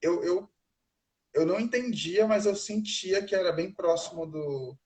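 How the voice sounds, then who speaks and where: A man hosting a relaxed interview, asking long rambling questions with fillers. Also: high voice, measured pace. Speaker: host. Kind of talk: casual interview.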